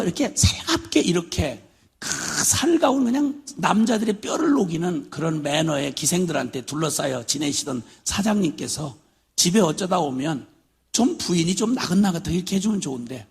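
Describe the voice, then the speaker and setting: Man, older, preacher, sermon, humorous storytelling, gravelly, very husky. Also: high-pitched. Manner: storytelling with humor, acting out his father's drunken shouts. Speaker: missionary preacher.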